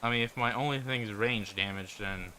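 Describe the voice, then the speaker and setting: A man's voice: on the low side, a little fast, sharp tone, slight background noise. A man giving casual let's-play commentary, musing aloud and trailing off as he thinks. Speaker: gameplay commentator.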